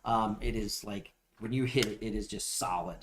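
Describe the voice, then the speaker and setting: A man's voice: fairly low pitch, flat delivery, moderate pace, noisy background. A man running a tabletop game as game master, describing monsters and rules in a loose, rambling way with many ums. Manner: rambling, full of ums and likes. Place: room around a game table.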